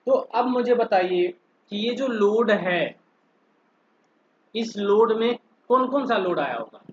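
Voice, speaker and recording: A man's voice: high voice, expressive, muffled recording, a little hiss or hum. A man teaching an online engineering class, working through each step and keeping the students involved with frequent questions. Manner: slow, stepwise, keeps asking students questions. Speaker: polytechnic lecturer.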